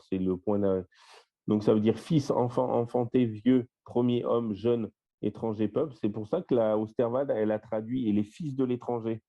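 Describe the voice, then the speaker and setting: A man with a lowish voice teaches an online Bible study, walking through word meanings slowly, point by point. His speech is full of little fillers as he works through the list. The audio is dull and lo-fi, like a voice call. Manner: lists word meanings in a slow, step-by-step way with fillers. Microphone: voice-call microphone.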